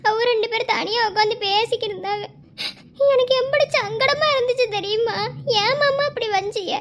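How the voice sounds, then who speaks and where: A woman voicing a sulky, tearful young village wife with a Madurai Tamil accent, pouty and teasing in a cartoon. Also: extremely high pitch. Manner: pouty, teasing, quick to tears.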